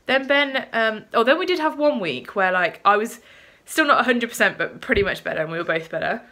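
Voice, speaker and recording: Her voice is fairly high, animated, brisk, and sharp: a British vlogger in her twenties casually chatting to her phone camera. A cold has left her congested and slightly breathless, she fills her chatter with ums, and the phone recording carries light background noise.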